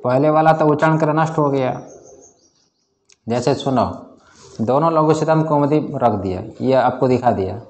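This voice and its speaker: An Indian man teaching Sanskrit grammar in a classroom, slowly drilling his students with repeated questions. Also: medium pitch, darkish tone. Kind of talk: classroom lecture.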